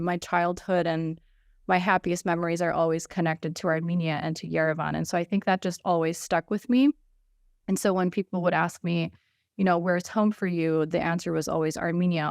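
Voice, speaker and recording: A woman in her thirties, raised between the United States and Russia, talks through her story on a video-call panel. Her voice is low, smooth and clear, with lots of "um"s and restarts. The sound is dry and close. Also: no room sound. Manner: conversational, frequent fillers and restarts. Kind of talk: webinar self-introduction.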